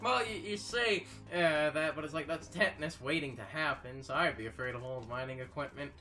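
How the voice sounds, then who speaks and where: Chatty mid-pitched co-commentator. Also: bright, forceful tone. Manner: chatty, halting, full of restarts. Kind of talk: casual gameplay commentary. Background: faint game music.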